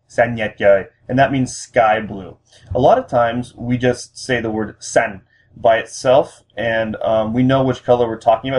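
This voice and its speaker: A man's voice: medium pitch, darkish tone. A man giving a recorded spoken language lesson, explaining step by step with many ums and restarts. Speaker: language teacher.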